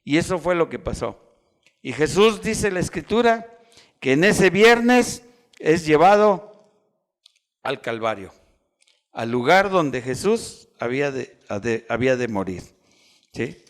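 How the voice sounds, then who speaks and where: A man preaching a sermon as pastor, acting out voices and swinging from loud cries to near whispers. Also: fairly high pitch, big pitch swings, takes it slowly, pauses often.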